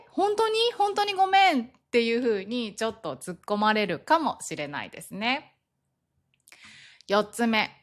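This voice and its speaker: A young woman teaching Japanese in a slow, clear lesson, acting out example phrases with lively shifts in tone. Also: a little high.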